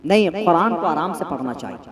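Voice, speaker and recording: A male Islamic preacher giving a sermon on Quran recitation rules, slowly drawing out the words as he demonstrates them. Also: a little high, expressive, crowd noise.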